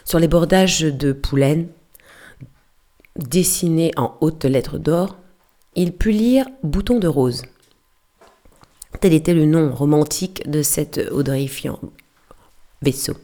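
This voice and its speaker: Woman audiobook reader, low pitched and mellow, measured delivery. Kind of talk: scripted narration.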